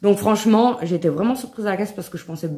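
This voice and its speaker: Talking fast in a dark-toned, medium-pitched voice, a woman walks viewers through her shopping haul with lots of fillers and small "hop"s. It's a casual home haul vlog, recorded in an echoey room with faint background noise.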